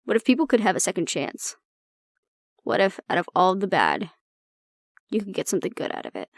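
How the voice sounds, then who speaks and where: In an intimate audio drama, a woman plays an exasperated agent talking to one listener about her stubborn, disapproving father, in a reflective, explaining mood. Her voice is creaky, mid-pitched and sing-song, a little fast, recorded close and dry with no echo. She speaks bluntly, sardonically and conversationally, and swears.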